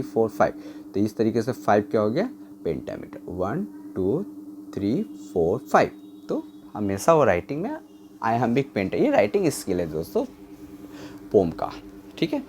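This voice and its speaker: An Indian man teaching poetry meter, slowly counting out stressed and unstressed syllables. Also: on the low side, a little mellow, a little hiss or hum.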